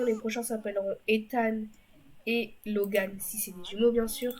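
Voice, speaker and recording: A woman giving casual let's-play commentary as a gaming YouTuber, chatty and rambling with wry asides. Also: on the high side.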